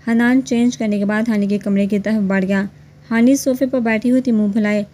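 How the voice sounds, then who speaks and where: A woman reads a romance novel aloud in a steady, even way. Her voice is mellow and dark, at a middle pitch. Scripted storytelling narration. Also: fairly quick.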